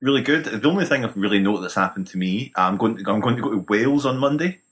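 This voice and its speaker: A Glaswegian Scottish man co-hosting a casual gaming podcast, teasing and quick to laugh. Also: on the low side, animated, background noise. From Scotland. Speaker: podcast co-host. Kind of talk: casual chat.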